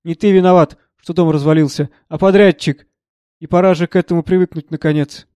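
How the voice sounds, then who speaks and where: A man's voice: on the high side, steady tone, brisk, warm tone, clear, resonant tone, no room sound, close to an everyday voice. A man reading as a fretful elderly professor. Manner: agitated, earnest, pleading. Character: troubled gentle elderly male professor.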